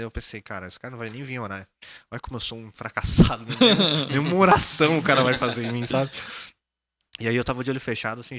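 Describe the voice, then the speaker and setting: Brazilian guy on a podcast telling a story, talks super fast and chatty. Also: medium pitch, a bit bright. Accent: Brazilian Portuguese. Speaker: podcast guest. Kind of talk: casual storytelling.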